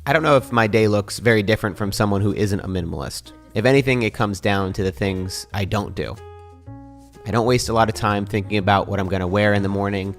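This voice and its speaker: A man in his thirties with a somewhat low voice narrates a vlog in a calm, even, scripted voice-over. Soft music plays faintly underneath. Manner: calm, measured, even-toned. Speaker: vlogger and podcaster.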